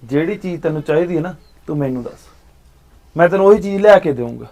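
A man, acting as an uncle in a short film, gently consoling and reassuring his niece. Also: on the high side, animated, fast talker. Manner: warm, fatherly consoling. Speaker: uncle by marriage.

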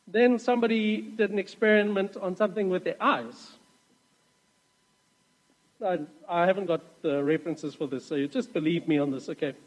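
High-voiced pastor preaching in a church. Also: male voice, moderate pace, in a large hall, rough recording. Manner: conversational storytelling with asides. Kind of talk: sermon.

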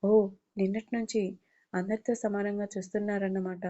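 A woman's voice: medium pitch, little pitch movement, a little fast, warm tone, highs cut off, close to an everyday voice. A woman reading the part of a heartbroken young woman who reproaches her lover in an emotional way. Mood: reproachful.

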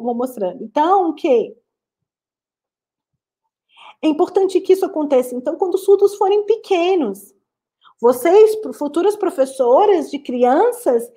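A woman's voice: extremely high pitch, warm tone. Earnest Brazilian woman lecturing live online. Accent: Brazilian Portuguese. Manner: earnest, explanatory, addresses students directly. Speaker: guest lecturer.

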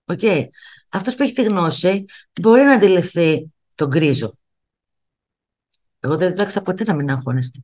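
Brief: middle-aged woman, lowish voice, motivational coach, emphatic and direct with viewers. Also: lively intonation, long pauses, darkish tone. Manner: emphatic, repeats phrases for effect; addresses viewers directly as kids.

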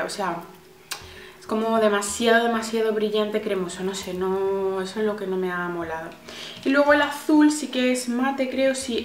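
A woman from gives a casual makeup review to her viewers. Her voice sits a little high and her talk is chatty, with many fillers and restarts. The room around her sounds echoey. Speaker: beauty vlogger.

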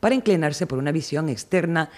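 A male reporter narrates a news piece from a script. His voice sits a little higher than most men's, and the delivery is that of a formal television voice-over. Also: animated, a little fast.

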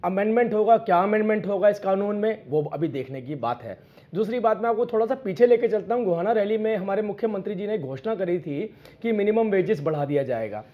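A man with a high voice joins a television debate panel by phone, and his sound is thin and narrow. He sets out his argument in a measured, explanatory way, turning to speak straight to his opponents. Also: lively intonation. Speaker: opposition party panelist. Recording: tinny phone-line connection.

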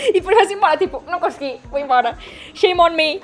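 A young woman with a European Portuguese accent, chatting excitedly in a casual vlog filmed on a handheld camera. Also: very high voice, quick pace, faint music behind. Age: young adult. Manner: chatty, excitable, talks to her cat. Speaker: vlogger. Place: home kitchen and garden.

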